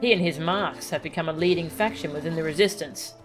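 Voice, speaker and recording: Reading video game dialogue aloud, a woman voices a grave, dignified, wary settlement leader, speaking solemnly and formally with light acting. Her low voice moves briskly over faint background music.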